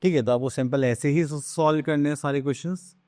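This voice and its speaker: A man's voice: on the high side, a little fast, a little mellow, no echo. Man teaching fractions in a dry close room. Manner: asks questions then answers them himself; mixes English math terms into explanations. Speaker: math teacher. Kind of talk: classroom math lesson.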